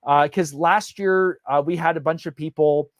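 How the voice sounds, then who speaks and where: A man's voice: a little high, steady tone, moderate pace, no room sound, studio quality. A man hosting a casual live question-and-answer session as a conference organizer, talking loosely with many fillers and restarts.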